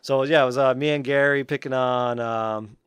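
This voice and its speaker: A man's voice: medium pitch, steady tone, moderate pace, clean tone, no room sound. A young man from Western Massachusetts co-hosting a podcast, telling a story in a casual chatty way full of "like" and "um". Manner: rambling, many fillers like "like" and "um". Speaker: podcast co-host.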